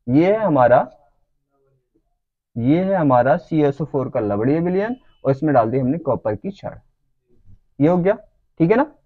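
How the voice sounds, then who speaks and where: Male teacher, fairly high voice, dry close sound, keeps checking the class follows. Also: animated, unhurried, long pauses, no echo, narrow, tinny audio. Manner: checks understanding with repeated questions. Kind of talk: classroom lecture.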